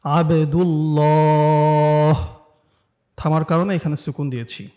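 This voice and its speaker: A male recitation teacher with a Bangladeshi Bengali accent and a somewhat high voice. He lays out each rule patiently, then draws the example words out slowly for his students to echo back. The delivery is an unhurried, step-by-step lesson. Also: darkish tone.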